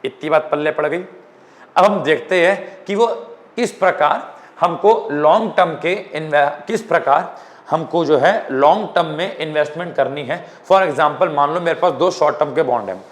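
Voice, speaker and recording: A young Indian man with a voice on the high side teaches economics at a moderate pace. His classroom style is informal, and he often checks whether students are following.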